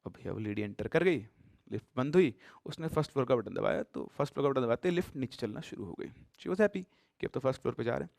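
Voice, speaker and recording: A man telling a horror story casually and animatedly, mixing in English words and swinging between loud suspense and hushed tones. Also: mid-range voice, animated, fast talker, vocal fry, no room sound, clean studio sound.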